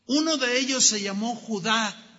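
A man with a high, very bright and cutting voice preaches a sermon and retells a Bible story, hammering his key words again and again. His voice rings with a long echo in a church hall. The recording sounds dull and lo-fi. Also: unhurried. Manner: emphatic, repeats key words.

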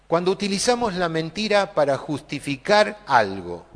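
A man's voice: fairly high pitch, very animated, moderate pace, fairly bright tone. A man preaching a sermon, talking conversationally with many tag questions and restarts. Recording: long hall reverb.

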